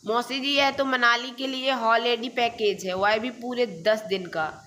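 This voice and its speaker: A woman's voice: fairly high pitch, steady tone, measured pace, fairly bright tone, slight background noise. A woman voicing a polite young married man in a storybook reading. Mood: surprised.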